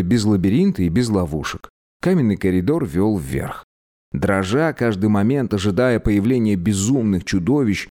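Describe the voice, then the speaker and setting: A man reading an audiobook aloud as narrator, with expressive storytelling delivery. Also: lowish voice. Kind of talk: scripted narration.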